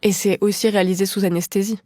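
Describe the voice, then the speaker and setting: A woman hosting a podcast, asking a guest measured questions. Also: medium pitch, little pitch movement, a little mellow, dry recording, studio quality. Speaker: podcast host.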